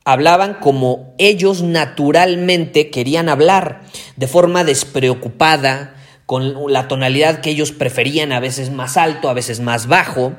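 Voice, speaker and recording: A man with a Mexican accent hosting a podcast, talking loudly and intensely and repeating his key points for emphasis. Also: fairly high pitch, a little slow. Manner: loud, intense delivery. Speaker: podcast host. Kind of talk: motivational podcast monologue.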